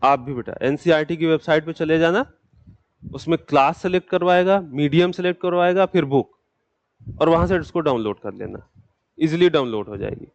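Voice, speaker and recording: A man's voice: on the high side, normal speed, no echo, dull audio. A man teaching a geography class, speaking patiently and in a fatherly way to students who have just joined. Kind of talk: classroom lecture.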